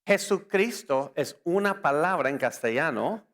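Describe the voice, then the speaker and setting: A man whose first language is English, giving an apologetics lecture to a church audience, lively and joking, firing rhetorical questions at the crowd. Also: on the high side, unhurried. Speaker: conference speaker.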